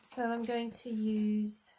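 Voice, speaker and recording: Here the South African coloring host, a woman in her thirties, speaks in a fairly high, dark voice that's slow and flat in delivery. Still chatty and friendly, she muses out loud with many ums while coloring live on stream.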